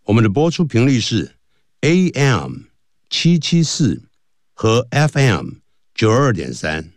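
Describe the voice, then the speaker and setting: A man's voice: medium pitch, very animated, takes it slowly, no room sound. A male radio announcer reading out broadcast times, frequencies and the station's website. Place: radio studio.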